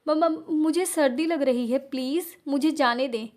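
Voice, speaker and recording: A woman's voice: high voice, a little fast, a little mellow, close to an everyday voice. A woman playing a trembling, pleading young wife. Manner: stammering, pleading, tearful. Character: frightened, shivering young wife.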